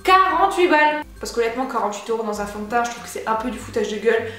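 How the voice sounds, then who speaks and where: High-voiced chatty young woman, echoey room. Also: flat delivery, rapid-fire, faint music behind. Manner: chatty, slangy, enthusiastic. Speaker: beauty vlogger. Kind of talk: casual beauty haul vlog.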